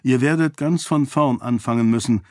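A man's voice: medium pitch, normal speed, no room sound, close to an everyday voice. Audiobook part: a wry, clever man, read by a male narrator in a level, dry voice. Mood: thoughtful.

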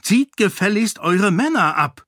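A man reading an audiobook, voicing a fierce, strong-willed young princess with a sharp, cold, commanding manner. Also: sits high, expressive, measured pace, no room sound, clean studio sound, pitched above the performer's own voice, exaggerated voice. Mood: defiant.

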